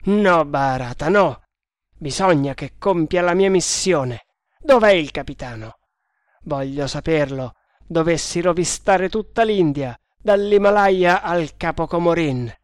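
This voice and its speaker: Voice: mid-range voice, animated, measured pace, dry recording, clean studio sound, natural voice. A reader voicing a fierce, desperate Indian man sworn to kill, speaking in a threatening, commanding way in an audiobook of an adventure novel. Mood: furious.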